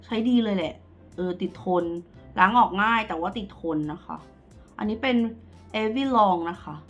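A woman's voice: on the high side, fairly bright tone, dull audio. A woman doing a casual makeup review vlog, chatting to viewers like friends in a slangy way. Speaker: beauty vlogger.

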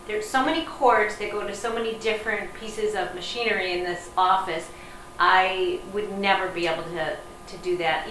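Woman, middle-aged, mid-pitched, casual testimonial, roomy echo. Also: fairly bright tone. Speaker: client giving a testimonial. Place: small office indoors. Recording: echoey room, faint noise.

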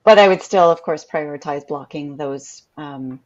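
Woman co-commentator, very low pitch, hesitant, dull lo-fi audio. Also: moderate pace, darkish tone. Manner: hesitant, restarts her sentences. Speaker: Scrabble co-commentator. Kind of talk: live game commentary.

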